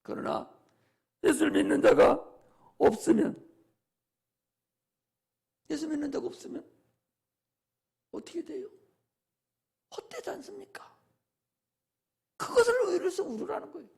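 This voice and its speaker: Very high-pitched gravelly preaching man. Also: lively intonation, moderate pace, long pauses. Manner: impassioned, swinging between loud exhortation and hushed asides; repetitive preaching cadence. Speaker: pastor. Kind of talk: sermon.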